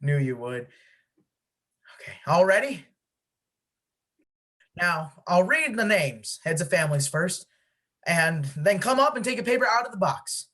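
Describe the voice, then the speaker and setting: This amateur one-act performance, filmed on a video call, has a man in a mid-range, slightly bright voice playing the village official in charge of the lottery. The character comes across as folksy and businesslike, with a hesitant manner.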